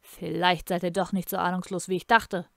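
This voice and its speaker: A woman's voice: fairly low pitch, flat delivery, normal speed, creaky, no echo, studio quality. Thyrson, a woman voicing a cruel emperor. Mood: cold, probing. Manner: menacing, commanding, bursts into furious shouting. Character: cruel male emperor, cold and imperious.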